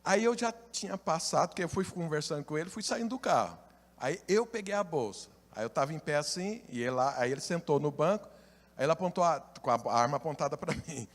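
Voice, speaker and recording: Brazilian pastor man telling a story in a sermon, lively up and down voice, loud then hushed. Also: a little high, a little fast. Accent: Brazilian Portuguese. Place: church meeting hall. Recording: long reverb of a hall.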